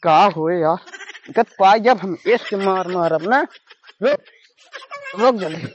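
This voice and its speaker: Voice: mid-range voice, takes it slowly, natural voice. A performer with an Awadhi accent playing an exasperated, bossy and wheedling village mango thief in an amateur comedy sketch, repeating commands insistently. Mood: angry, pleading. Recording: muffled lo-fi audio with faint noise.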